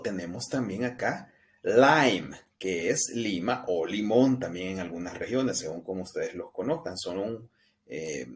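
A man with a Latin American Spanish accent teaching a basic English lesson, stressing each English word slowly and carefully so learners can repeat it, and often checking in with the class. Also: on the low side. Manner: patient, pronounces English words slowly and emphatically for repetition. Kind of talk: language lesson with repetition drills.

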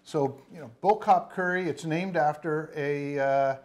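Unhurried and a little high in pitch, a fifty-something spice merchant rambles through an informal cooking demo, full of fillers and restarts. He's on a lapel mic in an indoor studio kitchen set.

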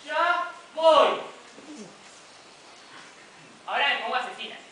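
A woman's voice: high-pitched, expressive, takes it slowly, a bit bright, slight background noise, full character voice. A young woman with a Rioplatense Spanish accent, playing a cocky robber in an amateur student skit, offhand and playful. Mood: sly. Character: cocky female robber holding a hostage. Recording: echoey room, far camera mic, music behind.

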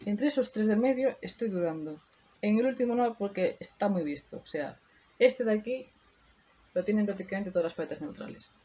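A woman's voice: mid-range voice, expressive, fairly quick, dark tone, slightly rough. A woman talking viewers through a makeup tutorial in a chatty way, thinking aloud as she works. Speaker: beauty vlogger. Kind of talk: casual makeup tutorial chat.

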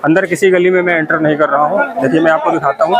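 Guiding viewers through a busy outdoor market, a vlogger speaks quickly in a slightly high, fairly even voice. He points out shops and repeats "look here," and the low-quality recording carries a loud crowd and heavy street noise behind him.

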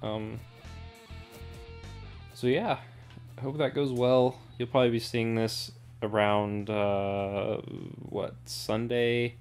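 Brief: casual male gaming creator, mid-pitched, rambling and wry, faint music behind. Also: fairly even intonation, slow pace, darkish tone. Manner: rambling, dry sarcastic asides. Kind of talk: casual gameplay commentary.

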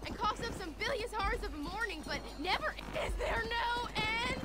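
A woman's voice: very high voice, animated, moderate pace, heavy background noise. An actress voicing a rambling young frontier girl who is lost in the wilds, breathless and gushing in old-fashioned speech. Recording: game audio with electrical buzzing.

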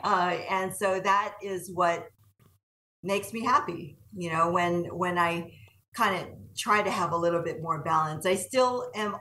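A woman's voice: lowish voice, unhurried, pushed and bright, a little hiss or hum. A woman answering interview questions in an earnest way, often repeating words as she searches for them. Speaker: guest entrepreneur. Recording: echoey room heard from a distance.

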